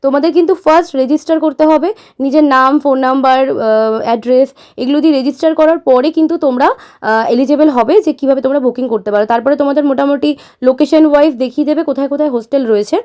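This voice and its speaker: A woman's voice: high voice, very fast, a little mellow. A woman vlogger with a Bengali accent, explaining step by step in a voice-over and addressing viewers directly with frequent filler sounds. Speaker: travel vlogger. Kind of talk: voice-over explaining online booking.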